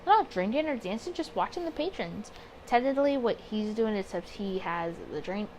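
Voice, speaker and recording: A gaming video creator with a mid-pitched voice talks at normal speed through a story game, with poor audio and audible background noise. Chatty and expressive, she alternates between reading the narration aloud and musing over her reactions in casual commentary.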